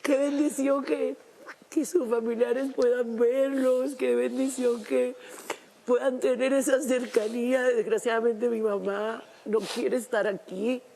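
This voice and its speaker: A woman from Cuba, a reality show contestant speaking emotionally by a campfire, halting and repeating words, near tears. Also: a little high, fairly even intonation, gravelly, dark tone. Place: outdoors at a campfire at night.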